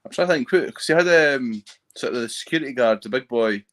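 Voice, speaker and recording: A man's voice: medium pitch, expressive, fast talker. A man co-hosting a casual chat, hesitant and often trailing off mid-thought. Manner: hesitant, trails off while thinking. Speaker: co-host. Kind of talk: casual chat, live reactions. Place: at home watching TV.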